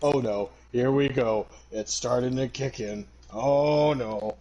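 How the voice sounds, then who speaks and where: A man in casual stream chat, excitable and rambling, breaking into dramatic outbursts. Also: mid-range voice, measured pace, muffled recording.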